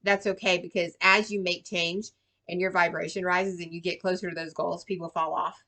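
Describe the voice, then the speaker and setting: A woman's voice: on the low side, little pitch movement, normal speed, pushed and bright. A woman giving a casual, reassuring tarot reading to viewers, chatty with lots of fillers and "right?" tags. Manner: chatty, reassuring, many fillers and tag questions. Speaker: tarot reader.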